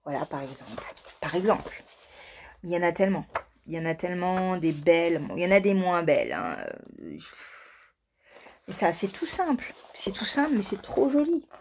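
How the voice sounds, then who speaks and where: A woman's voice: lowish voice, big pitch swings, normal speed, pauses often, darkish tone, a little hiss or hum. A woman hosting a knitting video podcast, chatting casually and self-mockingly, often dropping to murmured asides under her breath. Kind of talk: casual chat.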